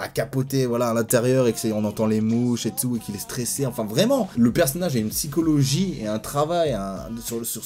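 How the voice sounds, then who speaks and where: In a laid-back video, a young guy gives his honest, eager take on a TV show, alternating between bursts of excitement and quiet side remarks.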